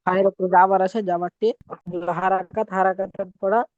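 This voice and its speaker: A man's voice: sits high, level tone, brisk, dry recording, highs cut off. A male student carefully reciting a reading rule from memory.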